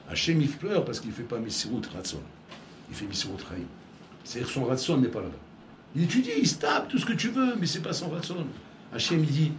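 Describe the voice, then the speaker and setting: Male rabbi, lively preacher, slightly high voice, roomy echo. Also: noisy background. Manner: animated, acts out dialogues, addresses listeners as Rabotai. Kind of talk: Torah lecture. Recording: echoey room with faint ambience.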